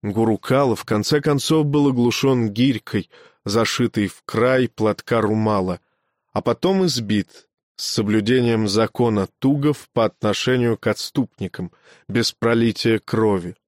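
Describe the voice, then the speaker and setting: A man reading an audiobook as a measured storyteller. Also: lowish voice, no room sound, studio quality. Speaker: audiobook reader. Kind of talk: scripted narration.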